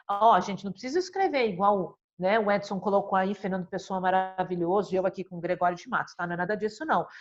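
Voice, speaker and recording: A woman's voice: mid-range voice, muffled recording. A Brazilian woman psychologist explaining earnestly in a conversational talk, often ending her phrases with tag questions. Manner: constantly adds tag questions, expressive and earnest.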